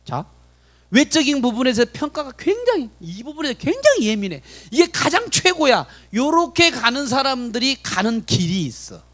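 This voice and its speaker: Male pastor delivering a church sermon; very high, highly expressive pitch, rhetorical questions to the congregation. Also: moderate pace. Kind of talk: sermon at a Friday prayer meeting. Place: church sanctuary.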